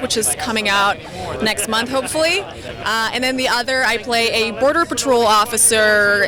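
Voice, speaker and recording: A woman from Spain talks in a slightly high voice, rambling and teasing herself. She speaks on an outdoor red carpet over loud crowd chatter. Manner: chatty, rambling, self-deprecating. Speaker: actress and TV host.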